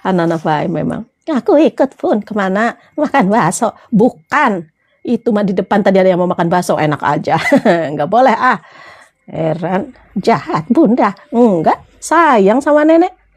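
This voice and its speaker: A woman's voice: mid-range voice, expressive, measured pace, husky. A woman motivational trainer, chatting casually with followers, laughing often and answering their comments.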